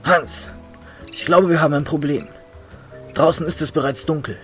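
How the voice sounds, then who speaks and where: A man's voice: a little high, moderate pace, faint music behind, natural voice. A man playing a cocky, bumbling police detective in a comedic audio drama. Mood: cocky, dry.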